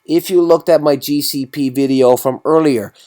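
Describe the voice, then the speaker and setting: A man's voice: a little high, normal speed, mellow. A man hosting a mobile game channel, giving loose, profane, rambling gameplay commentary after a night out drinking.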